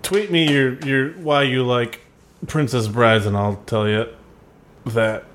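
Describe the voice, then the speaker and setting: Young dude on a podcast, swears a lot, jokey rants, mid-pitched voice. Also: male voice, fairly even intonation, slow pace, a bit bright. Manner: profane, joking rants. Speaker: podcast co-host. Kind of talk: casual chat.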